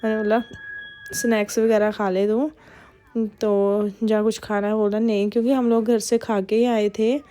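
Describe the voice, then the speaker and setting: Mellow-voiced mother narrating a family vlog. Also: fairly high pitch, level tone, normal speed, slight background noise. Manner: chatty, scolding kids in quoted asides. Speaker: vlogger mother. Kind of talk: casual voice-over narration.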